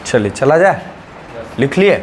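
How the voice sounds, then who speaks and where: A man's voice: medium pitch, very animated, measured pace, a little hiss or hum. A male maths teacher, teaching a class in a classroom and coaxing students by checking again and again whether they follow. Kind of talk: classroom lesson at a whiteboard. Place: classroom, recorded in summer heat.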